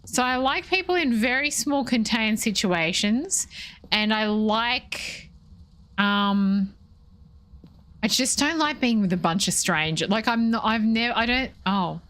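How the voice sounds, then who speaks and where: An Australian young woman chats casually while livestreaming a game, rambling and breaking off mid-thought. Her voice is on the high side, animated and fairly bright, at a measured pace.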